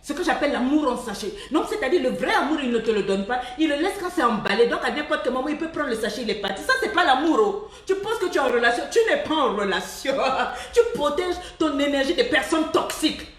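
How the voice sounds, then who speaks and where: A woman giving a lively, preachy love-coaching talk. She laughs often and mimics the people she talks about. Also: high-pitched, fast, hardly any pauses, roomy sound, distant mic. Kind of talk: live-streamed motivational talk.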